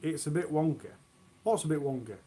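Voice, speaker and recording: Male streamer, high voice, reads bad jokes live from home and groans at them. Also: fairly quick, mellow, slight background noise. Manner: self-mocking, groans at own jokes. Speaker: livestream host. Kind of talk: reading jokes on a charity livestream.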